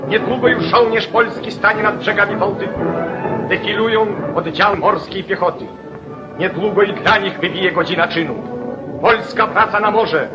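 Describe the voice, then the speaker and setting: High-voiced man narrating an old newsreel. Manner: rousing, rhetorical, commanding. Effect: old 1940s newsreel sound. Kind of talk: declamatory scripted newsreel narration. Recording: muffled 1940s newsreel soundtrack with music.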